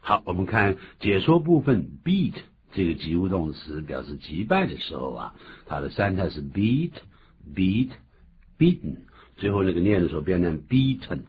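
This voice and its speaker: On a bilingual radio language lesson, the male host explains pronunciation with teacherly emphasis. He speaks at a moderate pace in a low, sing-song voice, heard through a tinny phone-like band with faint noise.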